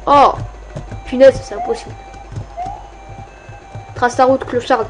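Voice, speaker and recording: A woman giving casual gameplay commentary, excitable and often yelling and cursing at enemies, with faint game music behind. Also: high-pitched, slow pace. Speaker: let's play gamer.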